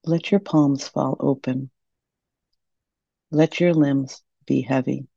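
Slowly and steadily, a woman guides listeners through a meditation, her extremely low, mellow voice soft and gentle with a creaky edge. It's a close, dry, echo-free recording that sounds somewhat dull and lo-fi.

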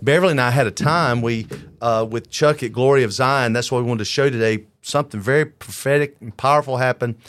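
A male podcast host with a loud, radio-announcer style of delivery. His voice is smooth and resonant, and the sound is close and dry, with no room echo. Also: medium pitch, a little fast. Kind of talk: casual podcast chat.

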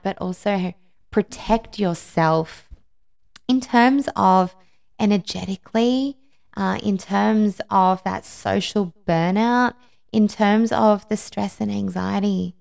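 A woman's voice: mid-range voice, takes it slowly, gravelly, darkish tone. A woman podcast host talking conversationally and empathetically, giving personal advice with emphatic repeated words. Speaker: podcast host, life and wellbeing coach.

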